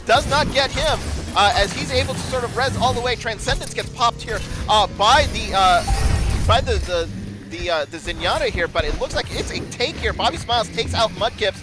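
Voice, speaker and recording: A man calling esports live as a play-by-play caster, in a frantic, excited rush of short breathless calls. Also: sits high, a little fast. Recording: game music behind the voice.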